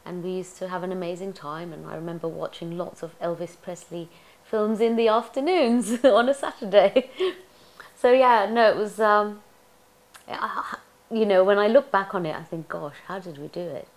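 A woman's voice: mid-range voice, normal speed. A middle-aged woman from Tanzania, an actress, reminiscing in an oral history interview, chatty and reflective with frequent laughs.

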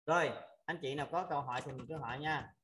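A man teaching an online language lesson, patiently drilling sounds with many drawn-out fillers. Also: on the high side, echoey room, background noise. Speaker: Arabic teacher. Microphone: video call.

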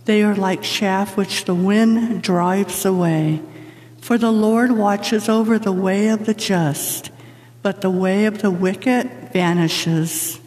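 A woman reads scripture at a lectern, slow and unhurried in a solemn, measured way. Her voice is mellow and soft-edged, and the long reverb of a big church hangs after every phrase. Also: medium pitch, slight background noise. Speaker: lector. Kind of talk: liturgical scripture reading. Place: large church sanctuary. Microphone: lectern microphone from a far camera.

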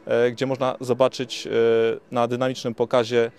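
A young man with a clear, even voice and little pitch movement. He talks slowly and haltingly, pausing on fillers. He is interviewed outdoors at a trade fair on a handheld mic. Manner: slow and halting, many fillers. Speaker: company representative. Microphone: handheld reporter mic.

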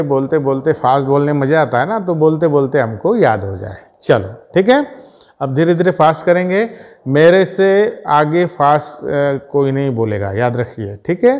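A man teaching a school prayer song to young children, patiently checking in with them again and again. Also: on the high side. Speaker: music teacher. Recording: loud backing music.

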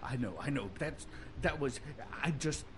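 A man's voice: medium pitch, moderate pace, natural voice. An actor voicing a sleazy, cowardly middle-aged male official in a story game, stammering and pleading.

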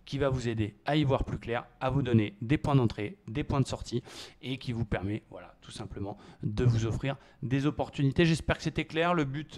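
A man walks viewers through trading charts in a casual tutorial. He talks with lively enthusiasm, piling up repeated words for emphasis and pausing on fillers as he thinks aloud. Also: medium pitch. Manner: frequent fillers and restarts. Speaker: trading educator. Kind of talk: screen-share trading tutorial.

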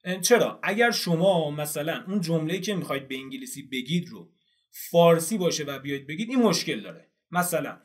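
A man's voice: a little high, lively intonation. A man teaching English in a video lesson, explaining a study method step by step and answering his own questions as he goes.

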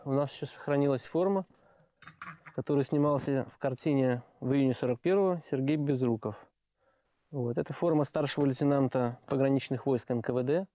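A man explains what he is showing in a medium-pitched voice. The recording is dry and narrow, almost like a phone. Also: brisk, no room sound. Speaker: costume designer. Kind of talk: explaining exhibits. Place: costume storeroom, indoors.

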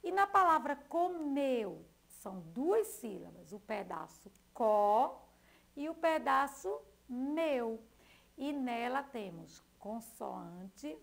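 A woman teacher from Brazil giving a recorded lesson to young children, spelling out letters one by one in a slow, sing-song way. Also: on the high side, creaky. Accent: Brazilian Portuguese.

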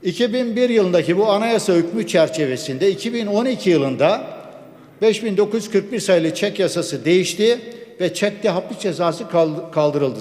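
A man addresses a large chamber from the rostrum microphone, his slightly raised voice carrying a long hall echo. He speaks in a measured, formal way, piling up laws, dates and statistics. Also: sits high, darkish tone. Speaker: member of parliament. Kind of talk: formal parliamentary speech.

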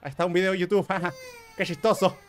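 A young man with a high voice hosts a gaming video, talking a little fast as he plays a horror game. Excitable and jokey, he keeps talking back to the game.

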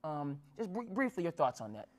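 A fairly high, sing-song, brisk voice belongs to this sports talk host, a New Jersey man in his thirties. He works from a small studio with a dark backdrop and uses formal language, often stumbling into fillers and restarts.

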